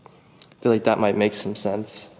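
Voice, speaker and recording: A man's voice: lowish voice, flat delivery, measured pace, darkish tone, slight background noise. A young man casually talking to viewers, curious and chatty, as he walks through a large empty abandoned building with a camera mic. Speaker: urban explorer vlogger. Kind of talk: casual handheld exploration vlog. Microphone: handheld camera mic.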